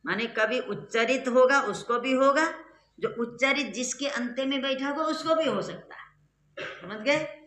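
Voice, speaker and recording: Bright-voiced teacher in an echoey classroom. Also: sits high, measured pace. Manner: explains step by step, quizzes the students. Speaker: Sanskrit grammar teacher. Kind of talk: classroom lecture. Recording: echoey room.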